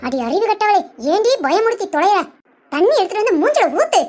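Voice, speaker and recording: Squeaky high woman voicing a bossy village lady, snaps insults at everyone, cartoon. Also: big pitch swings, a little fast, music in the background. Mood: scolding. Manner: scolding, name-calling. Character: scolding sharp-tongued village woman. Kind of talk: cartoon voice acting.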